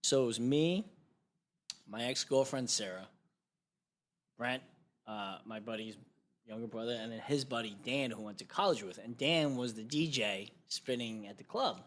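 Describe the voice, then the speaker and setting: A young adult man, a guest comedian on a podcast, telling a rowdy story in a casual, animated way, swearing freely and yelling when he acts out quotes. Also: medium pitch, moderate pace. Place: podcast studio.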